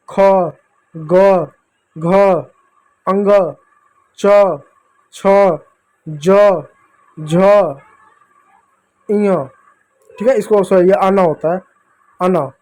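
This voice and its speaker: Guy teacher with a high voice, slow and patient, says every sound twice for the kids. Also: a little mellow. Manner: patient, repeats each sound slowly and clearly; addresses listeners as children. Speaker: Hindi teacher. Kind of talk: classroom lesson for children.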